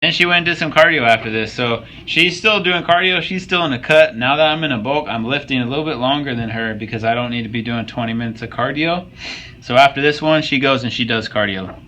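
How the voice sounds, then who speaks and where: A man's voice: mid-range voice, bright, forceful tone, a little hiss or hum, poor audio. A young man casually commenting on workout footage, joking and swearing as he coaches viewers. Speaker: fitness vlogger.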